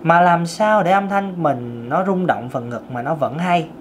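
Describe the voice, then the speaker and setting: A man's voice: a little high, expressive, a little slow, slight background noise. A man with a thin, light tenor voice, chatting casually through a singing lesson, joking about himself and singing scales. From Vietnam. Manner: chatty, self-joking, sings scales in demonstration. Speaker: singing teacher.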